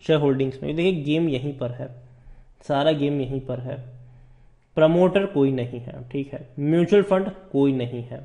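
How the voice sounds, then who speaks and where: Man, stock commentary, conversational, repeats words for emphasis, mellow. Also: fairly high pitch, moderate pace. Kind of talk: casual stock analysis over screen charts.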